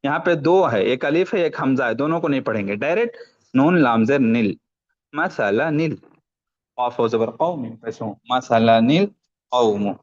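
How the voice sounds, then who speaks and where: A man's voice: mid-range voice, lively intonation, muffled recording. A man teaching Quran reading online. He spells out letters and vowel marks syllable by syllable and adds short explanations of the rules. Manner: slow syllable-by-syllable drilling with brief explanations.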